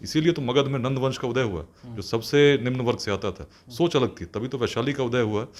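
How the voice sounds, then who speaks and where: A man's voice: medium pitch, a little fast. A man from Bihar, a police officer, answering interview questions in an earnest, formal, speechlike way. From India, Bihar.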